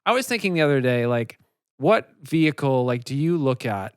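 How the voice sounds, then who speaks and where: A man's voice: medium pitch, big pitch swings, moderate pace, clear, resonant tone, dry recording, clean studio sound. A man hosting a casual podcast, asking loose, meandering questions. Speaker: podcast host. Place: podcast studio.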